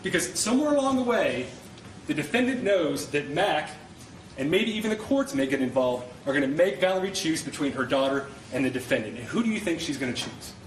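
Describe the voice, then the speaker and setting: A man's voice: a little high, expressive, a little fast. A man speaking as a prosecutor, delivering a passionate, insistent closing argument to a jury with emphatic, pointed repetition. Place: indoor courtroom. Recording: roomy courtroom, distant mic, faint noise.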